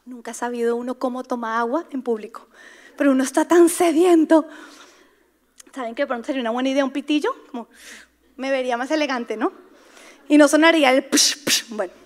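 A woman's voice: sits high, brisk. A woman preaching to a women's congregation, dramatic, dropping to whispers for emphasis and acting out inner voices. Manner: acts out inner voices, asks the crowd to repeat words.

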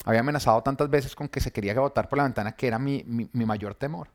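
Speaking fast at a medium pitch, a man sincerely tells his personal faith story as a church member giving testimony. He recounts moments as they happened and quotes what others said.

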